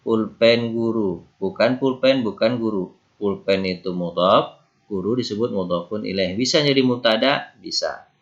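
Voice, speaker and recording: A man's voice: lowish voice, moderate pace, highs cut off. A man teaching Arabic grammar, explaining patiently with examples and rhetorical questions. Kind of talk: grammar lesson.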